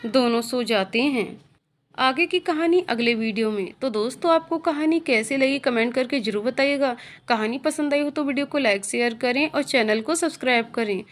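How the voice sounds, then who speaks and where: A woman's voice: high-pitched, moderate pace. A woman narrating a story and speaking directly to her listeners.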